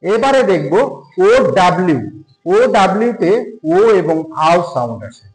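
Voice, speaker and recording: A man teaching an English pronunciation lesson. He spells words out letter by letter and repeats each pronunciation slowly. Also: high-pitched, very animated, echoey room, poor audio. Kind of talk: classroom-style language lesson.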